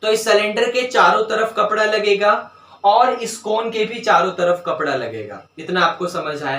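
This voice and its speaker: A man teaching a maths lesson step by step, often checking whether students follow and slowly dictating terms as he writes. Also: a little high, sharp tone, far from the mic. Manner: dictates English terms slowly while writing. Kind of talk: board-work maths lesson. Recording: roomy sound, voice away from mic.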